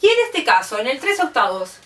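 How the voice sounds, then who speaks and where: A bright, forceful, sing-song voice on the high side belongs to an Argentine woman teaching music a little fast. She still explains patiently step by step, checking in with "¿sí?". The distant mic gives a roomy sound.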